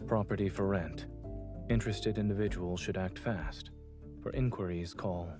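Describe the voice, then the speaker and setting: A man voicing a calm, dryly teasing game doctor. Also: sits low, lightly acted. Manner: calm, measured, dry teasing. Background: game music.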